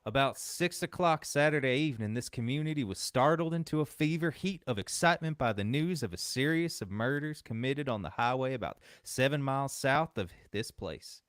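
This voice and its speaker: A man reading an old newspaper account aloud in a mock Southern drawl, slow and measured. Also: medium pitch, lively intonation, fairly bright tone, no room sound, clean studio sound, close to an everyday voice. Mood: solemn.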